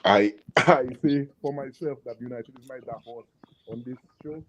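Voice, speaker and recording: A man's voice: mid-range voice, moderate pace, fairly bright tone, highs cut off. A man chatting casually as a football panelist over an online call, his audio cutting out and dropping in level. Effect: remote call audio that cuts out and drops in level. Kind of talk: casual sports chat.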